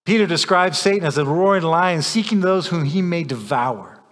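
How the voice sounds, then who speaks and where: A man's voice: on the high side, expressive, normal speed, a bit bright, big-room sound. A man preaching a sermon as a pastor, stressing points by repeating phrases.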